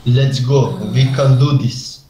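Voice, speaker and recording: A man's voice: mid-range voice, level tone, slow, warm tone. A man joking and making callouts to teammates over voice chat. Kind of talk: casual gaming chat. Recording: roomy noisy voice chat.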